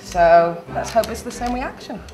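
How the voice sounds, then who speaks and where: A woman's voice: a little high, lively intonation, measured pace. A woman in her thirties casually explaining food to camera as a cook. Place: small indoor pub kitchen. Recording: echoey room, loud music behind.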